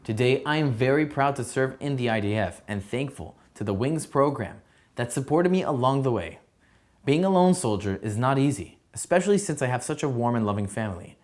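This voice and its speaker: A young man from San Diego, a soldier, reading his personal testimony in a steady, earnest way. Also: mid-range voice, a little fast. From San Diego, USA. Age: young adult. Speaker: soldier telling his story.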